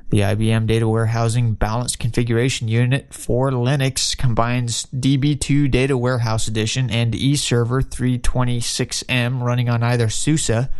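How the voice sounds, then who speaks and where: Congested man hosting a tech podcast. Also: mid-range voice. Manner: reads news items, adds casual asides with fillers. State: congested from allergies. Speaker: podcast host. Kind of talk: tech news podcast reading. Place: home studio.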